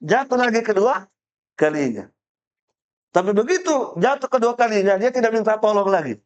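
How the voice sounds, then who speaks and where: A man giving a religious study lecture, his voice sitting fairly high for a man. He tells stories with acted-out voices and keeps checking with listeners whether they follow. He repeats phrases to drive the point home. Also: animated, moderate pace, clear, resonant tone, muffled recording. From Indonesia. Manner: storytelling, acts out quoted voices, asks listeners "paham?"; explanatory, repeats phrases for emphasis. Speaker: Islamic teacher.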